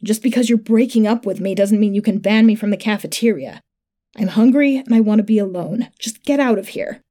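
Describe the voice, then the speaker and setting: A woman reading the part of a resentful young man in a dark sci-fi audio story, who ends up screaming in pain. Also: mid-range voice, fairly quick, close to an everyday voice. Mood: curt. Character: hurt, bitter young man, coworker turned victim.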